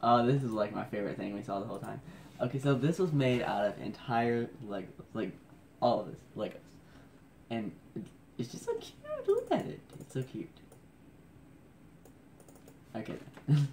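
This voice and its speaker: A man vlogs casually at home at night, keeping his voice down so he won't wake the house, and rambles with self-mocking jokes while scrolling through old photos. His voice is fairly low and darkish, with vocal fry, a moderate pace and long pauses. A little hiss or hum sits in the recording.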